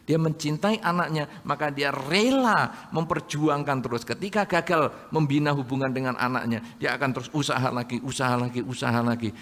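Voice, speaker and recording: An older man, a Buddhist monk, giving a sermon, telling lively stories and acting out quotes with humor. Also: mid-range voice. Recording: long hall reverb.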